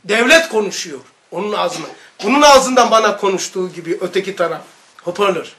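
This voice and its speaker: Man, informal religious lesson, high-pitched, bright and forceful, barks example commands. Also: a little fast. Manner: animated, barks mock military commands; rhetorical questions to listeners. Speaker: religious study-circle teacher.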